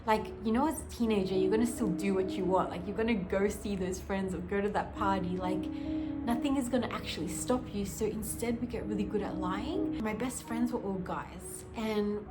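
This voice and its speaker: A woman's voice: mid-range voice, normal speed. A young woman from Australia, telling her life story to camera in a casual, earnest way, full of "like" fillers. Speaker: vlogger. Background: music.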